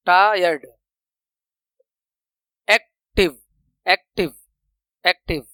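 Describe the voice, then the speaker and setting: A man teaching a grammar lesson, patiently explaining slides and slowly repeating example words. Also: high voice, bright, forceful tone, clear, resonant tone, dry recording, poor audio.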